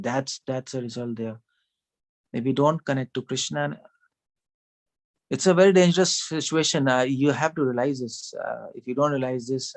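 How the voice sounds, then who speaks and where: Male speaker, mid pitch, chatty sermon style, quizzes the audience, laughs a lot. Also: vocal fry. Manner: conversational, asks the audience questions, laughs often. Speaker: speaker at a devotional gathering.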